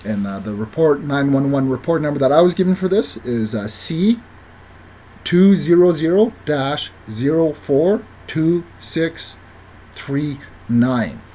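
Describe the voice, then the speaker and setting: A man leaving a voicemail to lodge a formal complaint, halting and full of hesitations. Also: fairly high pitch, lively intonation, mellow, a little hiss or hum. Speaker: caller.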